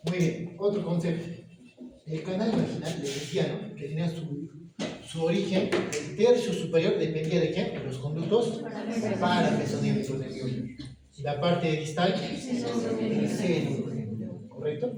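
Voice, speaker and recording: A man's voice: on the high side, lively intonation, a little slow, over a noisy crowd. Echoey, distant male lecturer quizzing students. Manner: questioning, checks understanding often. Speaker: medical lecturer. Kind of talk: classroom lecture. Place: classroom. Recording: echoey room from far off, noisy.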